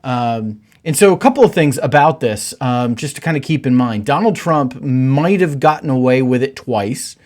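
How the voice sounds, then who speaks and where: A middle-aged man, a pastor, hosting his own podcast in a relaxed, conversational way with many filler words. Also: mid-range voice, normal speed, few pauses. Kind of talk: casual podcast monologue.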